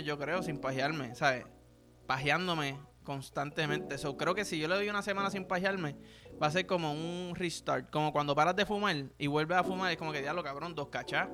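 Crude puerto rican guy rambling, music behind. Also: fairly high pitch. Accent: Puerto Rican Spanish. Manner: rambling, vulgar, joking. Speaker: podcast host. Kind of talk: crude casual monologue. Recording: music playing in background.

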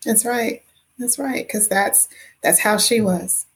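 A woman speaking as a podcast guest, reflecting personally in a measured, affirming way. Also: medium pitch.

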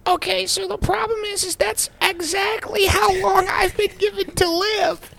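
A woman acts out a frail, weary female patient in an improvised comedy skit. Her voice is extremely high and heavily creaky, with a bright, strained edge. She stammers and hesitates reluctantly over faint noise. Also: fairly even intonation, a little slow, exaggerated voice. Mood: resigned.

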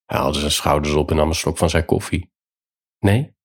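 Storyteller: man, very low voice with a husky edge, calm measured bedtime narration.

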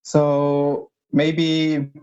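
Young man, Finnish accent, mellow dark tone, measured explaining, muffled lo-fi audio. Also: a little high, monotone, clear, resonant tone. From northern Finland. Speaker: guest, PhD researcher. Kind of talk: casual interview.

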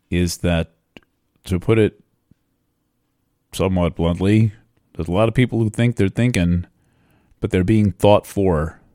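A man talks through the astrology of the moment in a loose, rambling monologue, pausing often and filling the gaps with ums. His voice sits very low and mellow, and his pace is slow and deliberate. The sound is close and dry, with no room around it. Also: dry recording. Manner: rambling, unhurried, with many fillers and pauses. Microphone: studio microphone.

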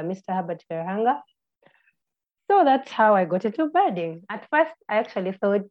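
Ugandan woman, twenties, chatty podcast guest, a bit muffled. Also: medium pitch. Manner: friendly, halting, with restarts and fillers. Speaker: podcast guest, birding tour guide. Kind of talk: casual interview answers. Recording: slightly muffled lo-fi audio.

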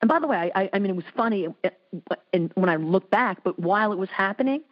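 A woman in her thirties hosting a casual interview, telling stories with lively, animated delivery. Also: fast. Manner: animated storyteller, jumps into high voices for quotes. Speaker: host. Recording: dull lo-fi sound.

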